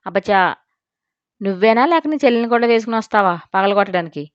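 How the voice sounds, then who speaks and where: A woman's voice: medium pitch, expressive, quick pace, no room sound, highs cut off, lightly acted. A woman voicing a dramatic, joking young man in an audio story.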